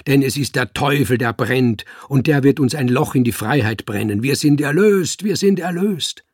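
A man voicing a frantic, crude male ship's cook who shouts his words in a raised, excited voice. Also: medium pitch, normal speed, dry recording, clean studio sound, natural voice. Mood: fervent. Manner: shouting hoarse exclamations.

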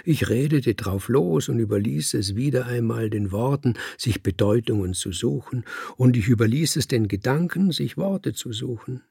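A man reading a story aloud in a calm, reflective storytelling manner. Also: mid-range voice, moderate pace, vocal fry, slightly rough, no room sound, studio quality. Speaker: narrator. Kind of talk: audiobook narration.

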